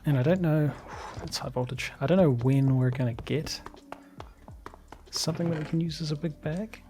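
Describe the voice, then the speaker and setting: A slightly hoarse man giving casual, chatty commentary as he plays a game, thinking aloud. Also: on the high side, moderate pace, warm tone. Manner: chatty, thinks aloud with fillers and small laughs. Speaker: let's play gamer.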